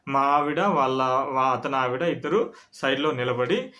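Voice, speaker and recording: A man's voice: mid-range voice, lively intonation, unhurried, pushed and bright. A man telling a first-person story in an earnest, conversational way with frequent restarts.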